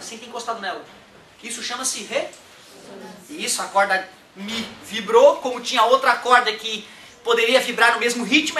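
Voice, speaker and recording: A man teaching a casual music lesson, animated and chatty, often checking in with his listeners. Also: very high-pitched, a little hiss or hum. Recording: roomy echo from a distant mic.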